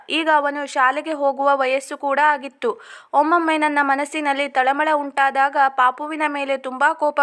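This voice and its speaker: Woman reading a first-person story out loud, steady and even, pretty high voice that stays flat. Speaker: story narrator.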